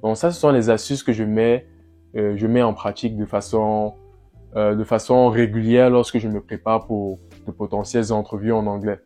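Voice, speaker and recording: A man with a fairly low, mellow voice talks through a casual vlog. He is relaxed and repetitive, restarting phrases and filling pauses. Soft guitar music plays faintly behind him. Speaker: vlogger. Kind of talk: casual first-person vlog.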